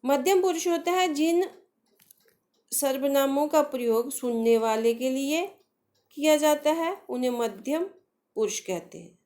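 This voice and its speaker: A woman gives a grammar lesson to children at a slow, unhurried pace. Her voice sits a bit higher than most, and she keeps quizzing the class and answering her own questions, calling the children dear. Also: expressive, dark tone. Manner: slow, patient, asks questions and answers them herself; addresses pupils affectionately. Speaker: teacher.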